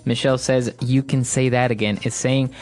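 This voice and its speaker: A man's voice: mid-range voice, fairly even intonation, moderate pace, darkish tone. A man from Ecuador hosting an English lesson podcast, explaining phrases with everyday examples. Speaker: podcast host, English teacher.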